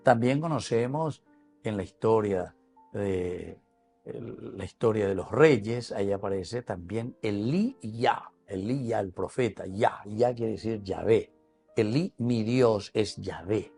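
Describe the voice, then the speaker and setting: Man, Paraguayan Spanish accent, priest, Bible reflection, teacherly, low husky voice. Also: takes it slowly, dark tone, soft background music. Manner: explanatory, teacherly.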